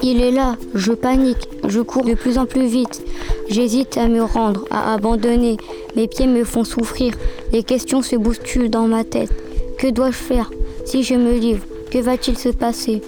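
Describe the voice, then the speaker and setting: A woman's voice: on the high side, flat delivery, unhurried. A woman giving a tense first-person dramatic reading of a chase. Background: background music.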